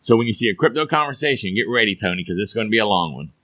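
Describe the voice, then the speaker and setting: Very fast and animated, a hoarse man hosts a casual, folksy, upbeat podcast chat. His voice sits low yet sounds bright and forceful, recorded dry and close with no room sound.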